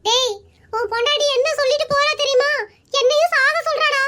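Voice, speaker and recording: A woman voicing a quick-tempered elderly mother-in-law in a cartoon skit, scolding and whiny. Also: background noise. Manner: shrill, scolding and wailing.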